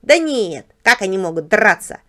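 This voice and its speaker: A woman's voice: mid-range voice, sing-song, moderate pace, pushed and bright. A woman voicing a boastful, know-it-all male house dog who explains things in a patronizing way, read as a storybook character.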